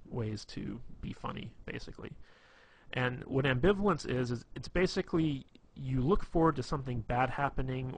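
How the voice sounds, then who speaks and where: A man explaining how to be funny with girls in a loose, rambling tutorial, full of fillers and restarts. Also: mid-range voice. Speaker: dating advice instructor. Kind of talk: casual tutorial talk.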